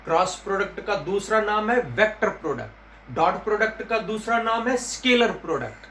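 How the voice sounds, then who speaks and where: A man teaching physics to students, repeating key terms slowly and calling them "beta". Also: sits high, animated, fairly bright tone, a little hiss or hum. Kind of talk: classroom lecture. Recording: echoey room with faint ambience.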